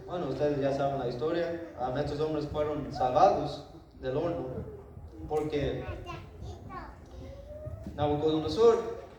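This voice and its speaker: A man with a fairly high voice tells a Bible story to his congregation in a loose, chatty way, stepping into the characters' lines as he goes. He sounds distant from the microphone, his words ringing around a large, echoing church hall. A steady background noise runs under the whole recording. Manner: conversational, acts out the king's lines, tag questions. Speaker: preacher. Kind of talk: informal Bible lesson to a congregation.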